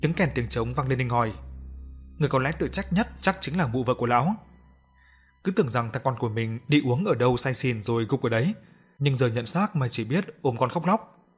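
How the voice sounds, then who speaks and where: A man narrating a scripted ghost story in a steady, grave voice. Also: medium pitch, a little fast, husky. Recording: faint background music.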